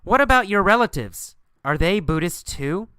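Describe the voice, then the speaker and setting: A man's voice: sits high, animated, normal speed, sharp tone, clear, resonant tone, no echo, pitched above the performer's own voice. A man voicing a pushy adult male street preacher in a story, asking insistent questions.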